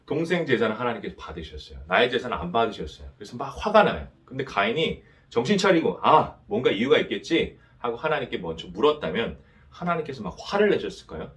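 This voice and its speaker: Animated male pastor preaching. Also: medium pitch, fast. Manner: animated, asks rhetorical questions, has the congregation repeat after him. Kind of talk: sermon to a young adults' service.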